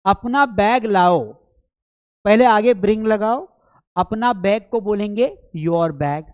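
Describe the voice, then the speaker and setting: A man's voice: high voice, slow. A man with an Indian accent, a Hindi speaker, giving a chatty, teasing online English lesson, his voice strained from an hour of talking. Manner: chatty, teasing, addresses students as beta. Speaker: spoken English teacher. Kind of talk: live online lesson, playful lecturing.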